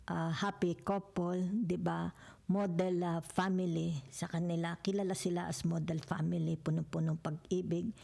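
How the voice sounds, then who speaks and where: A woman talks through a tarot spread in a low, gravelly voice. Her tone is dark and mellow, and she drifts into soft whispers now and then. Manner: chatty, mixes English into Tagalog, keeps checking "di ba?"; drops into whispers at times. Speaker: tarot reader. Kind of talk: casual tarot reading.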